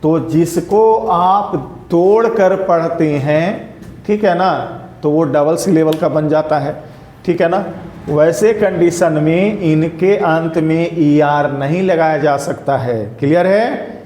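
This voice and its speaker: A male English teacher, giving an interactive classroom lecture and constantly quizzing his students whether each point is clear. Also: a little high, takes it slowly, darkish tone. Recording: echoey classroom room sound.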